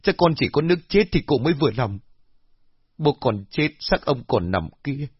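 A distraught young village woman pleads and swears she is innocent, her raised voice cracking with tears, as a male narrator puts her on. The voice is husky, and the recording is dull and lo-fi. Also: fairly high pitch, lively intonation, fairly quick, no room sound, voice pushed up. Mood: tearful pleading.

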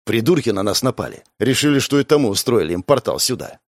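A man's voice: mid-range voice, very animated, fast, no room sound, clean studio sound. A man voicing a battered, reproachful male crewman who grumbles his lines.

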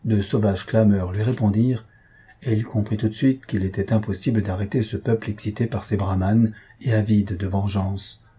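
A man reading a French short story aloud as narrator, measured and dramatic, lifting his voice for the characters' shouts. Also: on the low side, steady tone, slightly rough. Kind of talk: scripted audiobook reading.

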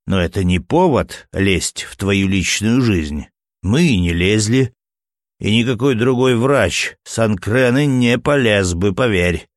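A gruff, irritable doctor who snaps and turns sardonic, with a deep, low voice, read by a man. The sound is dry and close-miked, a storybook reading. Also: no room sound, lightly acted.

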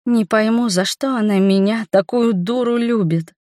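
A woman's voice: fairly high pitch, normal speed, a little mellow, no echo. Woman narrating a romance, dry close. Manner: intimate, emotional storytelling. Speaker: audiobook narrator. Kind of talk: first-person novel narration.

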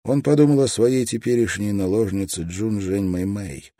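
Low-voiced male audiobook narrator. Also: moderate pace, mellow, dry recording, studio quality. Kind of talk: scripted narration.

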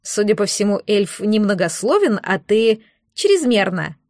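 A woman's voice: mid-range voice, sing-song, measured pace, darkish tone, no room sound, studio quality. A woman voicing a cautious, skeptical young female student friend. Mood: wary.

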